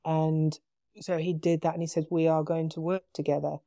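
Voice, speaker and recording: A woman with a British accent, a podcast guest, telling her story in a casual, animated way with quoted dialogue. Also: sits low, normal speed, dry recording, studio quality. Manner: animated retelling with quoted dialogue, frequent laughs.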